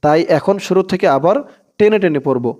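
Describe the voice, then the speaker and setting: This high-pitched male Quran teacher speaks with a Bangladeshi Bengali accent, lively intonation and a darkish tone. He spells out letters one by one and chants verses slowly in between brisk explanations.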